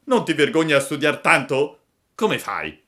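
A man's voice: fairly high pitch, sing-song, a little slow, a bit bright, voice pushed up. A man voicing a gang of bullying schoolboys in a storybook reading, taunting and threatening.

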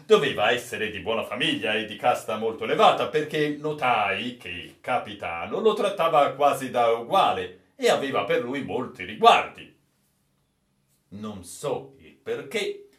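A man reading a classic adventure story aloud as narrator, with measured storytelling delivery, in a roomy, echoey space. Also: medium pitch, very animated, a bit bright. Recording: roomy echo.

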